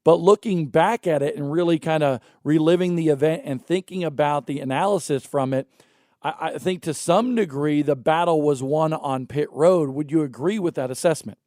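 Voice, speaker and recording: A man's voice: a little high, moderate pace, a little mellow, no echo, clean studio sound. Chatty male morning show host. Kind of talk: casual morning show chat.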